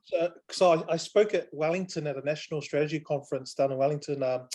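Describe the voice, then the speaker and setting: A man's voice: fairly high pitch, fast. A man moderating a video call, talking casually and hesitantly with many fillers. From New Zealand. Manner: relaxed, hesitant with many ums.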